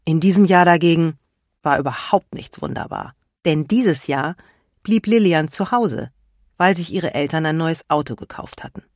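A woman with a low, slightly husky voice reads a children's story aloud with lively expression. The sound is close and dry. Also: moderate pace, dry recording.

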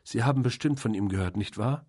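A man's voice: mid-range voice, brisk, darkish tone, slightly rough, voice pushed up, lightly acted. A man reading an audiobook and voicing a nervous, earnest young woman who pleads for help, in a raised voice. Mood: pleading.

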